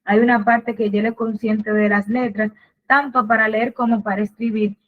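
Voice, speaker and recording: Over tinny, phone-like webinar audio, a woman presents a literacy workshop lecture, patiently explaining and posing and answering her own questions. Her voice is a little high, flat in delivery, at normal speed.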